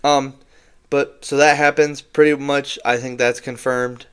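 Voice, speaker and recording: A man's voice: medium pitch, level tone, a little slow, background noise. A young man co-hosting a casual wrestling recap podcast, rambling and stumbling over words. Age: young adult. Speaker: podcast co-host.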